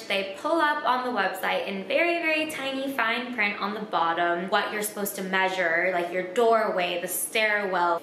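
A woman's voice: mid-range voice, bright, forceful tone, echoey room, a little hiss or hum, low-quality recording. A young woman in her twenties telling a casual home vlog story, upbeat and chatty, often saying "like". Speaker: vlogger. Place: small room at home, indoors.

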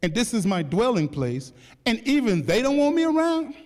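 An older man speaks as a keynote speaker, his voice pitched high and swinging widely as he tells his story. He laughs often and jokes with the crowd, and a long reverb hangs on every word in the hall. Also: moderate pace. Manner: animated, laughing, joking with the audience.

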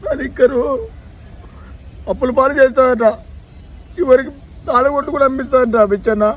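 A man's voice: very high-pitched, fairly even intonation, normal speed. An actor with a Telangana Telugu accent playing a man who pleads and laments at length over his beloved liquor in a village comedy sketch. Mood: lamenting. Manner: wailing, pleading, rambling complaint.

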